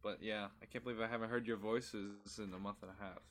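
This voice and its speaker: A young man hosting a casual podcast chat with friends, slow-talking with loud joking bursts. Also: fairly low pitch, steady tone. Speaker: podcast host.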